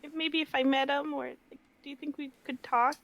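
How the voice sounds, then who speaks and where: A woman playing her character at a tabletop game, speaking in a halting, hesitant way full of fillers. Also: high voice, steady tone, creaky, dry recording. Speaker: player.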